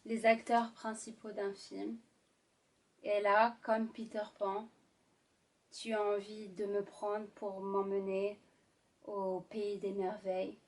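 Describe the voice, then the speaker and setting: Slow, sultry woman in ASMR role-play. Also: mid-range voice, flat delivery, far from the mic. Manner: sultry, intimate narrator; slow, lingering delivery with deliberate pauses. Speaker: ASMR performer. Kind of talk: ASMR role-play, sensual ASMR addressed to the listener.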